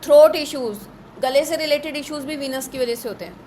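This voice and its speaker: A woman teaching an astrology class in a live online session, brisk and a little scolding as she runs through lists. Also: high-pitched, dark tone, a little hiss or hum, rough recording.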